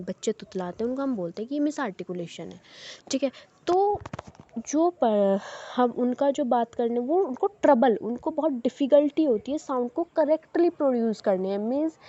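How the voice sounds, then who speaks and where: A woman giving an explanatory lecture in a fairly high but mellow voice. She reads each point slowly and then talks it through, pausing often to check her listeners are following. The recording sounds dull and lo-fi. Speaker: teacher.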